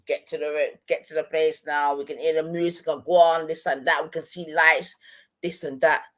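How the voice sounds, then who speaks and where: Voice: mid-range voice, flat delivery, moderate pace, fairly bright tone. A middle-aged speaker with a London roadman accent tells stories in casual, slangy chat, often checking in with tag questions. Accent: London, street slang.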